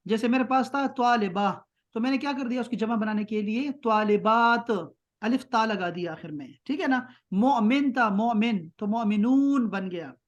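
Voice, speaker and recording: A man teaching an online grammar class. He keeps checking that students follow and slows right down to spell out terms. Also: sits high, lo-fi sound. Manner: patient, keeps checking with "ٹھیک ہے؟".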